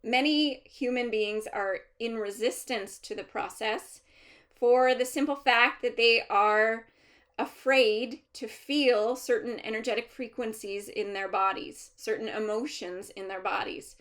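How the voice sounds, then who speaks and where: A woman speaking as a trance medium, channeling a collective of master healer spirits in a deliberate, formal, instructive manner with pauses. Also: a little high, steady tone, fairly bright tone. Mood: calm, instructive. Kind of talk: seance medium channeling, unscripted spiritual teaching.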